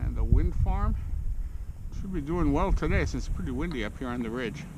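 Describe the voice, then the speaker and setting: A man's voice: a little high, expressive, fairly quick. A man casually narrating his own hike for a trail vlog, speaking outdoors on a snowy mountain. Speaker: hiker narrating own trek. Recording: noisy outdoor audio with wind.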